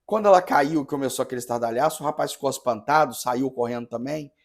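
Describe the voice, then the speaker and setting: A man who is a parish priest, telling a story in a podcast conversation with an earnest, halting manner and many restarts. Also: medium pitch.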